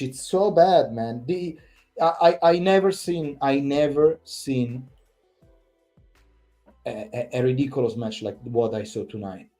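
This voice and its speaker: A man's voice: medium pitch, dark tone. A man, hosting a fan channel, giving an exasperated, repetitive post-match rant full of swearing.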